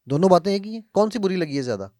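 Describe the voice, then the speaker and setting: A man's voice: sits high, very animated, warm tone, dry recording, clean studio sound. A man giving an emphatic self-help talk on faith, often checking with "right?" and asking rhetorical questions, mixing English phrases into his speech. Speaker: motivational speaker.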